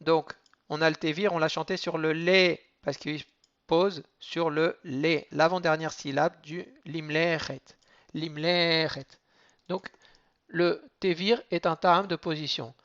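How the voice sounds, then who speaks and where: A man teaching a lesson on cantillation marks, explaining each rule step by step and chanting the Hebrew examples slowly. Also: fairly high pitch, fairly even intonation, a bit bright, muffled recording.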